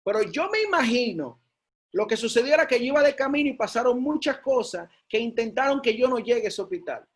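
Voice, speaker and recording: A man preaching a sermon, telling a personal testimony with excited repeats and emphatic peaks. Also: extremely high pitch, a little fast.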